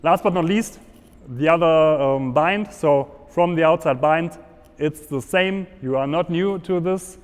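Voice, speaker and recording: Slow-paced German-accented man in an echoing hall. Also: a little high, smooth. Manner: halting non-native phrasing. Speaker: fencing instructor. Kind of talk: instructional demonstration, explaining step by step. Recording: echoey hall with long reverb.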